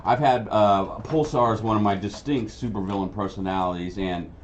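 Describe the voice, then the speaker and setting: A man with a lowish voice hosts a casual chat as a game master and crafting host, speaking at a moderate pace. He rambles and tells stories about running tabletop games, restarting often. The lo-fi sound is dull, with slight background noise and faint ambience.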